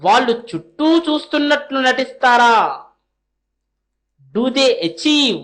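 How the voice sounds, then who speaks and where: Woman language teacher, high voice, painfully slow drill delivery. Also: lively intonation, fairly bright tone. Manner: slow, deliberately spaced English phrases, each followed by a translation. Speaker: spoken English teacher.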